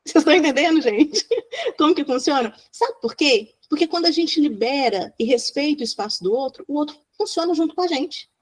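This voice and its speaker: Lively, expressive woman storyteller. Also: high voice, a little fast. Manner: lively, expressive, laughs often, acts out quoted voices. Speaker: child psychologist guest. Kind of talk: animated storytelling in a podcast interview.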